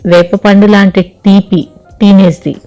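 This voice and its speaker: A woman reading the part of a calm, witty young businessman in an audio story, in a dry, teasing way. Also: medium pitch, a little slow, faint music behind, natural voice. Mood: wry.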